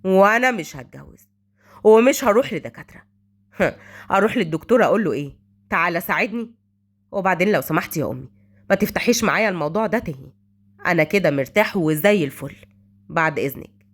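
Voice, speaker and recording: A stern Egyptian police officer, a cold and taunting man in a storybook drama, as a woman narrator puts him on. His voice sits low and flat, and he talks down to people. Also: quick pace, long pauses. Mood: mocking. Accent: Egyptian Arabic.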